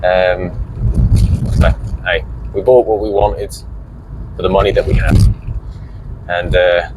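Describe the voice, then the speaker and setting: A man's voice: deep voice, fairly even intonation, slow pace, background noise. Chatty middle-aged man driving. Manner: chatty and rambling, with mild swearing. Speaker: vlogger. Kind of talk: casual driving commentary. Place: inside a moving car.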